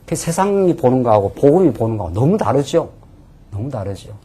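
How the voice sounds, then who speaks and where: Male pastor, Bible-lecture sermon; husky, animated delivery, rhetorical questions to the congregation. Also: mid-range voice, a little fast. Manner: conversational, with frequent affirming "yes" asides and rhetorical questions.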